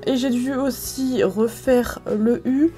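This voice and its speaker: Chatty French crafter, mellow voice. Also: female voice, on the high side, fairly even intonation, slow, soft background music. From France. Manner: chatty, many fillers and restarts. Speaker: craft video creator. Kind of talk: casual crafting tutorial.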